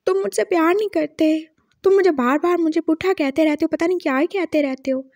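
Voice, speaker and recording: A woman's voice: high voice, expressive, normal speed, no room sound, clean studio sound. A woman voicing a tearful, touchy young man who complains in a whiny rush. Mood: tearful, hurt.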